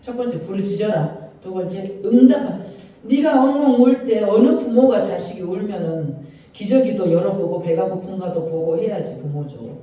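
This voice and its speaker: A man's voice: high-pitched, normal speed, dark tone, lo-fi sound. A man preaching a passionate sermon as pastor, acting out the lines of biblical figures. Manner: impassioned preaching that acts out biblical speakers. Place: church sanctuary. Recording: very echoey church hall from a distant mic.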